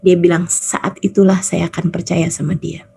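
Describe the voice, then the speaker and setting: A woman's voice: lowish voice, level tone, normal speed, creaky, dark tone, slight background noise. A woman preacher giving a casual, chatty sermon, telling stories and acting out the people she quotes. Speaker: Islamic preacher.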